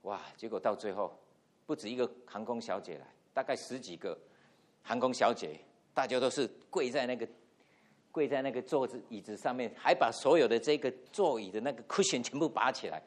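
Man pastor telling an animated anecdote. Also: mid-range voice, brisk. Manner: animated anecdote with acted-out quotes, code-switching English words. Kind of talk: sermon storytelling.

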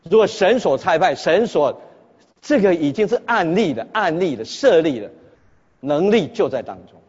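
A man's voice: on the high side, sing-song, moderate pace, darkish tone, breathy edge. A man preaching a sermon as a pastor, speaking emphatically and asking his listeners rhetorical questions. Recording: echoey hall, dull lo-fi sound.

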